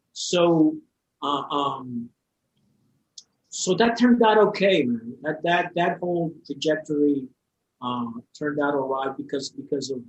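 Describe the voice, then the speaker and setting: A man's voice: fairly high pitch, dull audio. A man telling a personal story as a podcast guest, heartfelt and open, often repeating and restarting his words. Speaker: interview guest.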